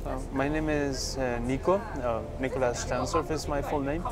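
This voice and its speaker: A man's voice: mid-range voice, fairly even intonation, moderate pace, very noisy. Thoughtful man from Chile on a bus. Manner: thoughtful, with frequent uh fillers. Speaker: postdoctoral researcher. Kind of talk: interview on a moving bus. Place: inside a moving tour bus.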